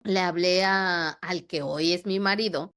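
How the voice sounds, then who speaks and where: A woman in her thirties or forties with a Mexican accent, a podcast guest telling a personal story in a lively way that acts out the dialogue. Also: lowish voice, unhurried, smooth. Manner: animated, acts out dialogue with repetitions.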